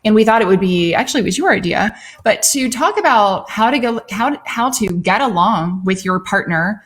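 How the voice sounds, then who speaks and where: A woman in her forties co-hosting a casual live-stream chat with her husband, chatty and quick to laugh. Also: medium pitch, expressive. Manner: chatty, laughs easily, talks through ideas. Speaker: co-host.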